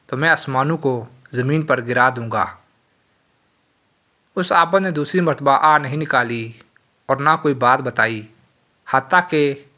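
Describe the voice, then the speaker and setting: A man narrating a religious moral tale in a solemn, steady storytelling voice. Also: medium pitch.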